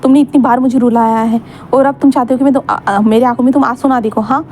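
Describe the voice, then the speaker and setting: A woman's voice: on the high side, fairly even intonation, fast, a little mellow, slight background noise, close to an everyday voice. A woman voicing a wounded, defiant young man who snaps back in scornful retorts. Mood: bitter, scornful.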